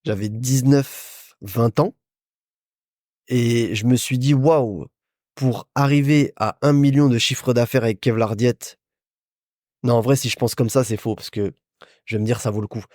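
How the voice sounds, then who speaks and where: Speaking a little slowly with fairly even intonation, a young male host offers casual business advice on his podcast in a mid-range, slightly mellow voice. He talks straight to the listener, chatty and repetitive, with many restarts, recorded in studio quality without room sound.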